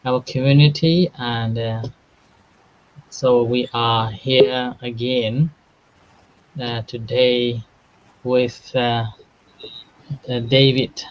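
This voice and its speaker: Male host of a temple's online talk, slow and halting, dull muffled sound. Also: medium pitch. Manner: slow, hesitant, many uhs. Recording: muffled lo-fi audio.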